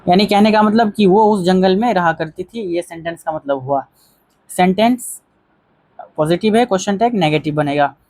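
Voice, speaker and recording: A teacher giving a grammar lesson, calling viewers friends, repeating key phrases and reading example sentences out slowly. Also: medium pitch, darkish tone, dry recording.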